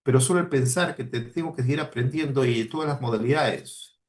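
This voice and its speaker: His mid-range voice is a little fast and a little mellow, carrying a Peruvian Spanish accent. This Peruvian mining professional, speaking as a guest, exhorts students earnestly in a motivational talk and keeps repeating key words for emphasis.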